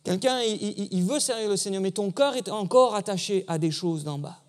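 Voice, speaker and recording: A man preaching in church with a notably high voice. He speaks earnestly, leaning on storytelling to reach his listeners. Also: brisk. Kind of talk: sermon.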